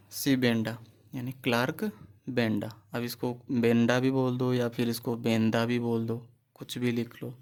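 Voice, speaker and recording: A man's voice: mid-range voice, a little mellow. A man teaching a biology class for exam preparation. He asks questions, answers them himself and repeats key terms. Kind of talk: exam-prep lecture.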